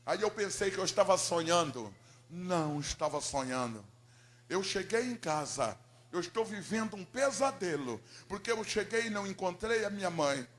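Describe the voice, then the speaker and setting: A man, a pastor giving an emotional sermon testimony, telling his story dramatically and moving from hushed to loud. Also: high voice, lively intonation, normal speed.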